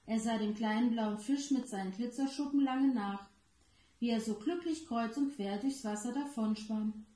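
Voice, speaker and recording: A woman's voice: a little high, dark tone. Woman reading a children's story in a roomy space. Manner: slow, clear storytelling. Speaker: daycare educator. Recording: roomy echo.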